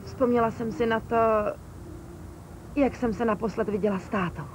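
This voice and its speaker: A woman dubbing a young captive daughter who stays guarded and calm. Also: on the high side, close to an everyday voice. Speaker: dubbing actor. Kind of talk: dubbed telenovela acting. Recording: noisy background.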